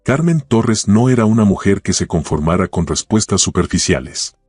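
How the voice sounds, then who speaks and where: Male narrator, very deep voice, husky, dry close sound, faint music behind. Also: animated, moderate pace, darkish tone, dry recording. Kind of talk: scripted storybook narration.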